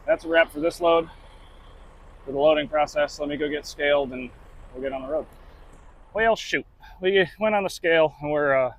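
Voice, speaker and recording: A man's voice: on the high side, fairly bright tone, a little hiss or hum. A truck driver talking casually to his camera while he works, in a laid-back, chatty way with casual swearing. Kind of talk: casual vlog narration.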